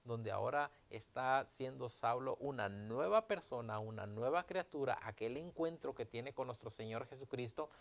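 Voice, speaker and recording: Male pastor, gravelly mid-range voice, preaching with emphatic swells. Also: medium pitch, lively intonation, moderate pace, few pauses. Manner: preaching with emphatic rises, retelling scripture dialogue. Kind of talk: sermon.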